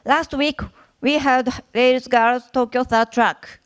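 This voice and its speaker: A woman with a Japanese accent giving a prepared short conference talk in careful, halting English. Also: sits high, fairly even intonation, clean tone. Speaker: conference speaker, workshop organizer. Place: conference stage.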